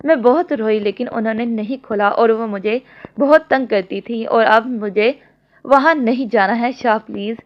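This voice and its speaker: A woman reading the lines of a timid, childlike young woman who pleads in a soft murmur. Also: a little high, moderate pace, lightly acted. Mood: pleading. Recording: dull lo-fi audio.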